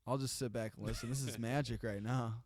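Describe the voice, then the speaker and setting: A man's voice: medium pitch, steady tone, fast, a little mellow, no room sound, clean studio sound. A young man from Michigan co-hosting a casual sports podcast, teasing and joking. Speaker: podcast co-host.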